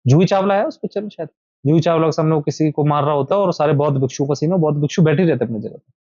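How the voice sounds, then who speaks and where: A man's voice: a little high, rapid-fire, warm tone, no echo, highs cut off. A man teaching meditation to a small group in an informal talk, repeating his points and speaking straight to his listeners. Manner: repetitive, instructive, addresses listeners directly. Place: indoor meetup room.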